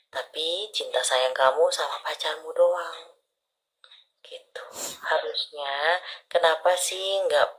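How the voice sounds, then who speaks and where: A woman's voice: sits low, poor audio. A woman doing palm readings for a caller on a live stream, talking intimately and often dropping to a whisper. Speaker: palm reader.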